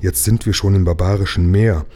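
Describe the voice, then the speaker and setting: A man voicing a sad, gentle young mermaid princess in a storybook read aloud, with a soft, tearful voice. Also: low voice, steady tone, a little fast. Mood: sad, earnest.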